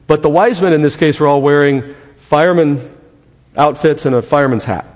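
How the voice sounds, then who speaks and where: A man's voice: fairly high pitch, normal speed, long reverb tail. A man preaching and praying as a pastor, earnest and conversational. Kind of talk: sermon.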